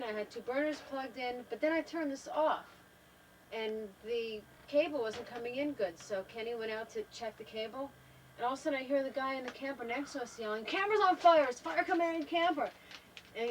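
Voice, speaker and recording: An older woman in a travel trailer speaks thoughtfully and unhurriedly to a home video camera, often trailing off and restarting sentences. She's the wife in a family home video, casually reflecting. Her voice is on the high side, captured from a distance with a little hiss or hum on a rough recording.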